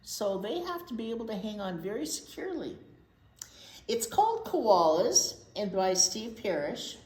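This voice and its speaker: With a medium-pitched, slightly mellow voice that swings widely in pitch, this woman reads a picture book to young children at normal speed. As a librarian and storytime host, she explains things simply and chats along the way, in an echoey room with a little background noise.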